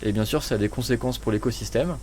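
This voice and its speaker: A man's voice: mid-range voice, quick pace, darkish tone, a little hiss or hum. A man scientist explaining plankton migration with many hesitations.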